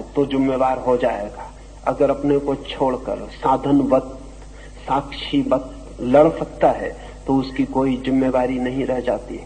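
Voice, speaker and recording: A man giving a slow, deliberate spiritual discourse, his voice swelling and dropping for emphasis. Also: mid-range voice, warm tone, big-room sound, rough recording. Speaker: spiritual teacher. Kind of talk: philosophical discourse.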